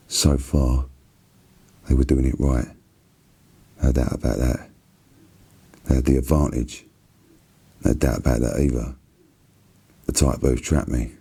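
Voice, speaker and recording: Very deep, gravelly Cockney man reading softly. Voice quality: very husky, soft and gravelly. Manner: hushed, unhurried, even narration. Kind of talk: ASMR reading of a novel.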